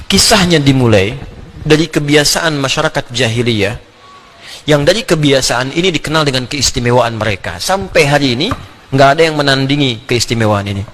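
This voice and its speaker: A middle-aged man giving an animated religious lecture, often laughing and sounding out letters. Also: medium pitch, fairly quick. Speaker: Islamic preacher.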